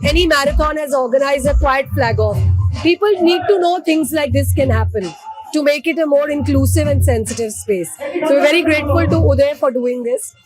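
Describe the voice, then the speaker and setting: A middle-aged Indian-accented woman speaks in a high voice, giving composed answers as an interviewed charity founder. Music plays clearly behind her. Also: fairly quick, poor audio. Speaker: NGO founder being interviewed.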